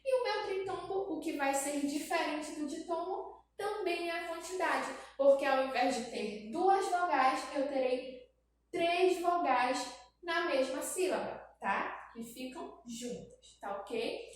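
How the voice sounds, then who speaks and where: A woman's voice: sits high, slow. A woman teaching a grammar lesson to young children, repeating each point and checking in with "tá?". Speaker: primary school teacher. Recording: very echoey room, voice from a distance, faint noise.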